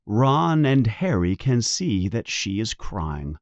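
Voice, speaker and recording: Male storybook narrator, expressive and slow, slightly muffled recording. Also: on the low side, dry recording. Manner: expressive, unhurried. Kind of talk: storybook read-aloud.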